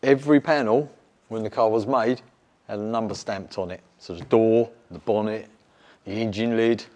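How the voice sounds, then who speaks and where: A man's voice: lowish voice, moderate pace. A middle-aged British man working on a car, bantering and joking while he explains what he finds. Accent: British English. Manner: joking, teasing, very lively intonation. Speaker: restoration mechanic. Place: large indoor garage workshop.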